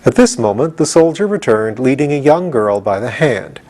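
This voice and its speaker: An audiobook reader, a man, narrates a children's storybook aloud with plenty of expression. His pitch is medium and his pace moderate.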